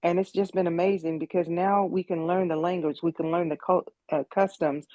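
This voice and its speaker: A woman's voice: lowish voice, steady tone, a little fast, warm tone, no echo, highs cut off. A woman in her sixties from the United States, giving earnest personal testimony in an online meeting and repeating words as she thinks. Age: 60s. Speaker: meeting participant.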